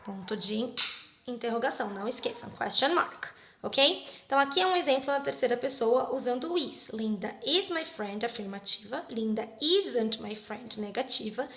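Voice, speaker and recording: A woman's voice: fairly high pitch, lively intonation, a bit bright, roomy sound. A woman English teacher from Brazil, giving a patient step-by-step grammar lesson and often checking in with her students. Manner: slow, patient, explains step by step with frequent check-ins.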